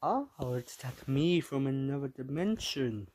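A fan movie creator voicing every character in an amateur fan film, switching voices and jumping up into squeaky highs. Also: expressive, measured pace, darkish tone, breathy edge.

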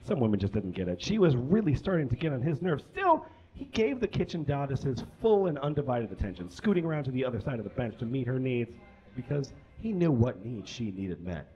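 A young man reads a story aloud for comedy on a small indoor stage with curtains, theatrical and mock-grave, slipping in improvised remarks. His medium-pitched voice is warm, moves with big pitch swings, and runs a little fast. A camera a few metres away records it in lo-fi sound.

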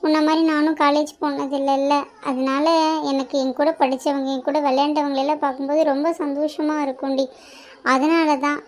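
A woman voicing a gentle, motherless young woman who pleads softly and tearfully in a cartoon. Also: high-pitched, flat delivery, brisk, lightly acted. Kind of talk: cartoon voice acting.

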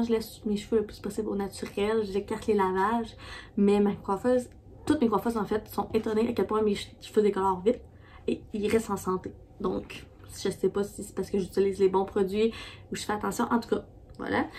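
This beauty vlogger, a woman with a Québécois French accent, chats casually through a product review, rambling and restarting often amid many fillers. Her mid-range voice has a warm tone, with a slight hiss or hum in the recording.

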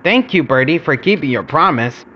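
A man voicing a gentle, grateful engine. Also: a little high, expressive, moderate pace, muffled recording, slight background noise, close to an everyday voice. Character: kind grateful little engine, male. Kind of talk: children's storybook reading.

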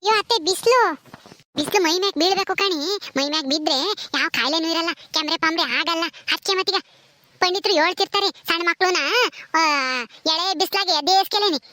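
Woman doing an anxious young mother, bright voice, dry close sound. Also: extremely high pitch, quick pace, dry recording. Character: worried young village mother. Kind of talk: village comedy skit.

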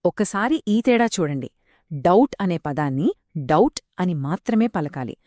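Female co-teacher, encouraging and clear, lively intonation, dry close recording. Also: lowish voice, unhurried, no room sound. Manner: encouraging, stresses tips and common mistakes. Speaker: pronunciation co-teacher. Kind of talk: scripted explanatory lesson.

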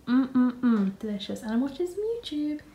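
A young woman from England talks to camera in a chatty, gushing home vlog. Her voice sits a little high and lively. A faint hiss runs under the talk. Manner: gushing, chatty, quick to laugh. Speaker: vlogger. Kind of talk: casual vlog chat.

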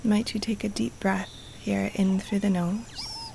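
A woman guiding a relaxation meditation in a soft, breathy, partly whispery voice, calm and soothing, with long pauses. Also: medium pitch, slight background noise. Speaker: yoga nidra teacher guiding a meditation. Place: outdoors or open space in the jungle. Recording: live outdoor recording with jungle wildlife sounds. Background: faint jungle birds and insects.

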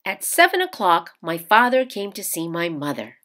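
Her pitch fairly low, a woman reads from a children's picture book in an expressive, carefully paced storytelling style.

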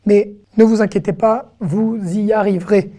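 A woman teaching an online language lesson, patiently explaining and repeating sounds slowly for learners. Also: medium pitch, fairly even intonation, mellow. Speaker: Hebrew teacher.

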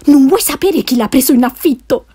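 An excitable, fussy middle-aged mother from an audiobook, as a woman puts her on, her voice pitched well up and bright with eagerness as she exclaims and pleads. The tone underneath stays soft and mellow. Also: moderate pace, husky, heavily acted. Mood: eager. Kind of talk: audiobook character reading.

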